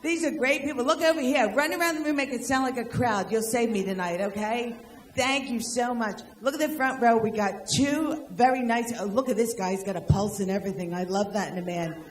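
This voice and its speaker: A woman's voice: on the high side, echoey room, slight background noise. An older woman doing a stand-up comedy set, firing off brash jokes and teasing people in the audience. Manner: brash, rapid-fire jokes and crowd work. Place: live venue with audience.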